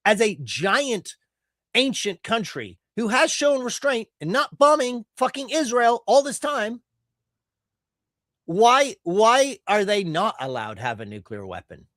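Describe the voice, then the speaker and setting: A man's voice: sits high, big pitch swings, unhurried, fairly bright tone, no echo, clean studio sound. Heated, swearing male commentator. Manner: heated, profane, sarcastic. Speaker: streamer. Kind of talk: ranting political commentary.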